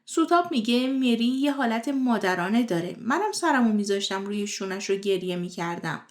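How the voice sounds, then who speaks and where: A woman retelling the episodes of a television drama in scripted narration, moving briskly from scene to scene. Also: a little high, lively intonation. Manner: brisk retelling of scenes in plain third person. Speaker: series recap narrator.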